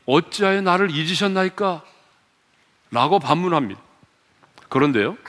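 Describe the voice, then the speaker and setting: Man, pastor, sermon, high voice, questioning the congregation, sweeping pitch and volume, long reverb in a church sanctuary. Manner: asks the congregation questions and leads them in reading aloud; wide swings in pitch and loudness, drops low for emphasis.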